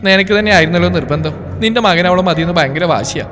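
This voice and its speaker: A man's voice: fairly high pitch, fast, fairly bright tone, long reverb tail, soft background music, voice pushed up, lightly acted. A man voicing an angry middle-aged aunt who scolds in a raised voice. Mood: indignant. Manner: indignant, scolding.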